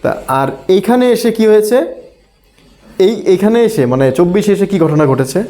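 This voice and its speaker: A man's voice: high voice, lively intonation, normal speed, mellow. A middle-aged man from Bangladesh, an ESL teacher lecturing a class, often asking the students questions and acting out tones of voice.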